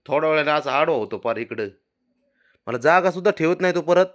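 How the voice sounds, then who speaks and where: A man's voice: fairly high pitch, lively intonation, a little fast. A man speaking, chatting casually and teasingly to his pet cat, coaxing it and often raising his voice. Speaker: pet owner.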